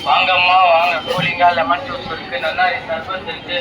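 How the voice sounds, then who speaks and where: A man's voice: high voice, monotone, moderate pace. A man with a Tamil Nadu accent calling out as a street drinks vendor in a repetitive singsong hawker's chant. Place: outdoors on a busy street. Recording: very loud street crowd and traffic.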